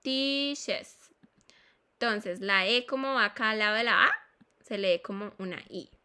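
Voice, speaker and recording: A woman teaching English phonetics speaks in a medium-pitched, pushed, bright and clean voice. Deliberately and slowly, she spells out sounds, says words again, and checks in with the class.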